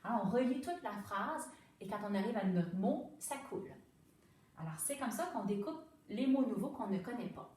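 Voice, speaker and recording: Patient teacher sounding words out slowly. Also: female voice, mid-range voice, lively intonation, darkish tone, distant mic. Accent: Quebec French. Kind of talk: reading lesson for young children. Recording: very echoey room, away from the mic.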